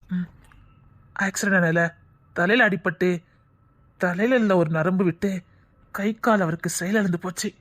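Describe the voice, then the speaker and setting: A woman playing a calm woman doctor who talks slowly and reassuringly to a patient. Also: on the low side. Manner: slow, soothing, reassuring.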